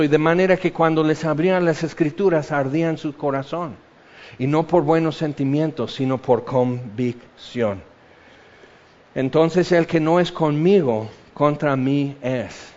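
Pastor guy preaching, lively, acts out little voices, kinda muffled lo-fi audio. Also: fairly high pitch. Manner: animated, acts out quoted voices. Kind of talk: sermon.

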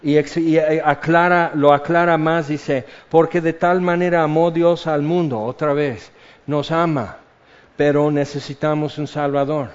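A man preaching a sermon, slow and measured, repeating key phrases for weight. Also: a little high, fairly even intonation. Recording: dull lo-fi sound.

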